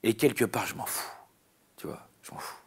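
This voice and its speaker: A man, a comedian chatting in an interview, rambling and animated with many restarts. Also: normal speed. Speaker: comedian guest. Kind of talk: casual interview chat.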